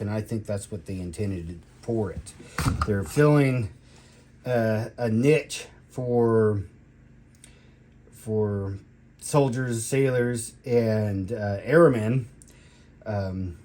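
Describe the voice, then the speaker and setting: A man giving a casual, rambling gear review in a halting way, drawing out his words and trailing off. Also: medium pitch, warm tone. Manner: halting, drawn-out delivery with trailing phrases. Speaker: product reviewer, military veteran.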